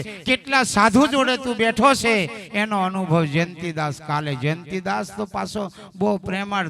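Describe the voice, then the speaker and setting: A man preaching at a live devotional gathering. His voice is bright and forceful and sits a little high. He moves between loud exhortation and quiet asides, pressing the crowd with rhetorical questions. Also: gravelly. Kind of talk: village sermon with stories.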